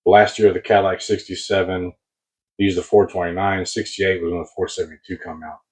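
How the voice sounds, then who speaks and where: An American man rambling casually as he hosts a hobby unboxing video, husky, on a close mic that sounds boomy and muffled, like inside a submarine. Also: little pitch movement, fairly quick. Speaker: host of a diecast car collecting channel. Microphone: new mic placed very close.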